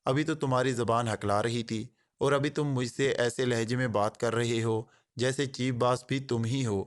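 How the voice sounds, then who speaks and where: A man's voice: mid-range voice, steady tone, natural voice. A man voicing an arrogant, short male gang boss who talks in a harsh, sarcastic way. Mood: sneering.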